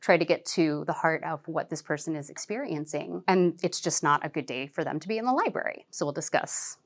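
Calm, practical woman librarian. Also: low-pitched, a little fast. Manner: calm, practical, explaining step by step. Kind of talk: interview answers.

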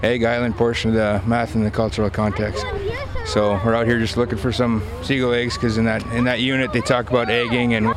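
A man's voice: mid-range voice, little pitch movement, brisk, a crowd in the background. A man from Alaska explaining plainly outdoors on the tundra. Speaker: community helper. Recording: noisy outdoor field recording.

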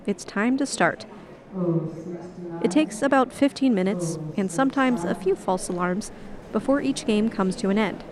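A woman reporter reading a scripted radio news feature in a narrator's measured storytelling style. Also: on the high side, expressive, crowd noise.

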